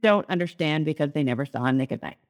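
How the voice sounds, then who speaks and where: A woman's voice: deep voice, lively intonation, quick pace. A woman co-hosting a lectionary podcast, talking in a chatty, teacherly way. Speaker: podcast co-host, Lutheran. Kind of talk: casual lectionary podcast chat.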